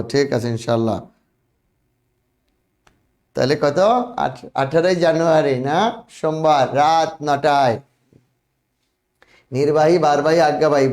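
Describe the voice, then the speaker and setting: A man's voice: on the high side, darkish tone, echoey room. A man teaching a spelling lesson online, repeating words and often checking that students follow.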